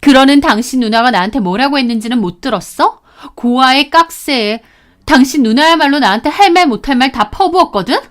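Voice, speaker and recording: A woman with a fairly high voice tells a dramatic first-person story. She narrates in a softer tone and acts out her own indignant comebacks with feeling. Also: lively intonation, brisk. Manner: emotional, indignant retelling.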